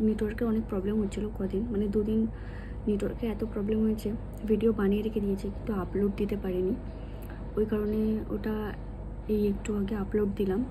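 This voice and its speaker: A woman talking casually into a phone camera at home for her vlog, at times speaking softly so a sleeping child stays asleep. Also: medium pitch, flat delivery, fast talker, background noise. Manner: soft hushed talk so a sleeping child won't wake. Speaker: vlogger. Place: home room.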